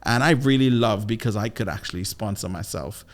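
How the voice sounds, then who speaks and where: A man with a Trinidadian accent from Trinidad and Tobago, a guest entrepreneur and business coach telling playful, animated stories in a casual interview. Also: fairly low pitch, a little fast. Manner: animated, playful, with lively voiced asides.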